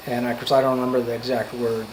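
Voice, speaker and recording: Halting, emphatic man in a noisy recording. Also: mid-range voice, little pitch movement. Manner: earnest, emphatic, halting phrasing with repetition for emphasis. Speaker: amateur motivational speaker. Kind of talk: off-the-cuff motivational monologue.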